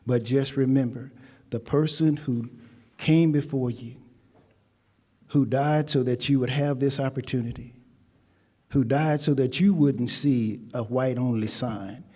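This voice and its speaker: An older man from Texas gives a commencement speech, weaving folksy stories into an emphatic address. His voice is mellow and dark. A long reverb from the ceremony hall trails behind each phrase. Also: mid-range voice, fairly even intonation, a little slow. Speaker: convocation speaker.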